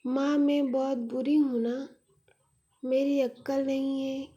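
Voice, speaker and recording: A woman's voice: high-pitched, flat delivery, takes it slowly, dark tone, lo-fi sound. A woman voicing a remorseful young daughter. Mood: contrite. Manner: earnest, apologetic. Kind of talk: storytelling.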